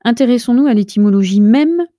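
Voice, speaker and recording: A woman's voice: on the high side, animated, fast, mellow, dry recording, studio quality. Pompous woman in a mock lecture. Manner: pompous, lofty jargon, gets carried away; lecturing the viewer directly. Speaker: self-styled linguistics researcher. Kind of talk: mock-academic comic monologue.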